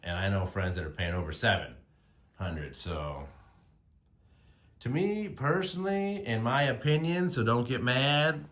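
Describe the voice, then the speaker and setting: A medium-pitched male voice, slightly bright, swings widely in pitch and goes a little slowly. He's an American motorcycle vlogger in his forties, rambling informally and conversationally to his phone with plenty of slang.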